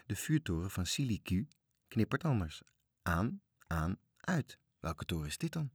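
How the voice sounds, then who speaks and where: A man voicing a small boy captain who speaks quietly and sounds puzzled. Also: low-pitched, sing-song, a little slow, husky, dry recording, studio quality, heavily acted. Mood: puzzled murmuring.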